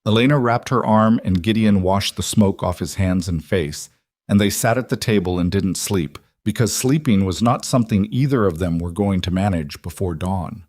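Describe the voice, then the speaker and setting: A man narrating a scripted western story in a steady, unhurried way. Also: deep voice, no room sound.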